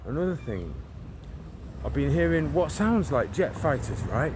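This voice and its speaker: Street noise and passing cars surround this walk-and-talk vlog, in which a man from England in his forties prays and preaches with fervor, filming on a phone held at arm's length. His voice runs on the high side with big pitch swings, he takes his time, and he often rambles and restarts.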